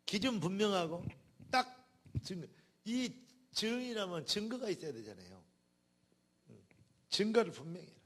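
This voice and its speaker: A man preaching a sermon as pastor, in a Jeolla dialect, swinging between loud emphatic declarations and quiet conversational asides. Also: sits high, sing-song, moderate pace, pauses often.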